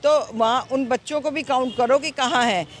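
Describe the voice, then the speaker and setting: A woman's voice: high voice, moderate pace, a little hiss or hum. A woman answering a street interview outdoors, emphatic and indignant, often asking "right?" as she makes her points.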